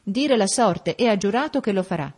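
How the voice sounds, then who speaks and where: A woman's voice: medium pitch, expressive, normal speed, darkish tone, husky, voice pushed up. A woman reading an audiobook voicing a hesitant male servant who reports nervously to his masters. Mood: uneasy.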